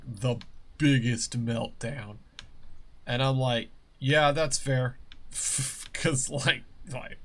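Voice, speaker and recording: A young man chats casually while playing a game, telling stories from his day. He talks slowly and unhurriedly at a middle pitch, breaking into laughter and putting on voices for the people he quotes. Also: a bit bright, breathy edge. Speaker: gaming streamer. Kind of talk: casual storytelling over gameplay.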